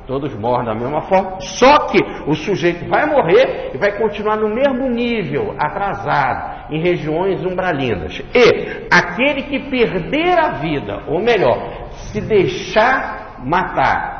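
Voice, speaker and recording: Male lecturer, religious study talk, unhurried, melodic delivery, echoey hall recording. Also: sits high, huge pitch swings. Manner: explanatory, repeats and enumerates points slowly. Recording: echoey hall, dull lo-fi, faint hiss.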